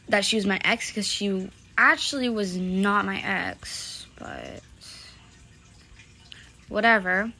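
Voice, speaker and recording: A young woman narrates a casual story in a bright, sharp voice, her pitch sitting mid-range for a woman. She rambles along, full of "like" and "whatever", and slips loosely into the other people's lines. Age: young adult. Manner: rambling, valley-girl fillers, quotes others loosely.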